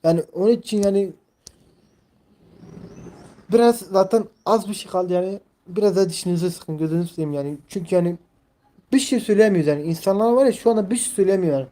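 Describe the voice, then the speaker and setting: A young man in his twenties hosts a casual live stream, talking in a mellow, soft-edged tone. He rambles, leans heavily on fillers and reads the chat aloud as he goes. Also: high-pitched, quick pace, pauses often. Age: 20s.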